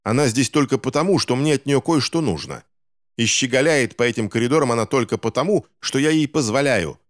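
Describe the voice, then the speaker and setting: A man voicing a smug, scheming villain of a gentleman, sneering and contemptuous in an audiobook reading. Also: mid-range voice, animated, fairly quick, dry recording, studio quality, pitched above the performer's own voice, natural voice.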